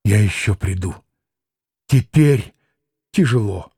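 A man voicing an anguished, proud young woman in a breathless confession, read in a slow audiobook. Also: on the low side, animated, dark tone, husky, no echo, clean studio sound, voice pushed down, full character voice. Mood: whispering.

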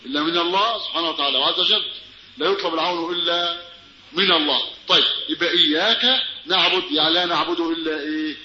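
A man with an Egyptian Arabic accent teaches a religious lesson quickly and animatedly, firing rhetorical questions at his listeners. His voice is high and very bright. It is captured in a dull, roomy recording. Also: fairly even intonation, a little hiss or hum. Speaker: preacher.

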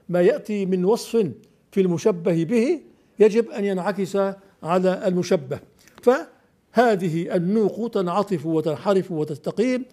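A man's voice: high voice, dark tone. An older man teaching classical Arabic poetry, explaining step by step and questioning his student.

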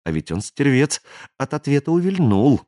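A man's voice: medium pitch, sing-song, normal speed, dark tone, voice pushed up, natural voice. A man voicing a sardonic younger spacer brother muttering wry thoughts to himself, in an audiobook.

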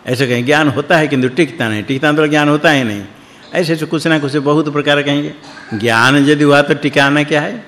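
A spiritual teacher gives a scripture discourse in Hindi, speaking in loose, repetitive phrases and reciting Sanskrit verses. His mid-range voice is fairly bright, and a long hall reverb surrounds it.

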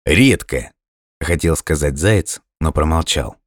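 A man with a very low voice narrates a children's storybook at a calm, unhurried pace. The recording is dry and intimate. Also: no room sound.

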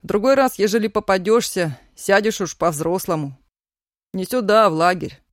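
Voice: mid-range voice, moderate pace, no room sound, lightly acted. Reader as cheeky young lad, teasing, jaunty, raised voice, dry.

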